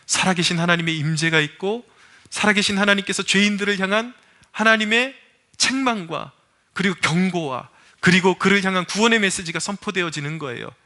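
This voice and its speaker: Fervent high-voiced male preacher. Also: a little fast, bright, forceful tone. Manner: fervent, exhorting, repeatedly addresses the congregation. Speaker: pastor. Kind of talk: sermon. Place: church service.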